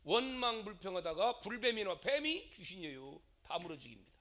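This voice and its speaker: A middle-aged male pastor giving a dramatic sermon, acting out angry quarrels and swinging between loud and quiet. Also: high-pitched, very animated, a little fast.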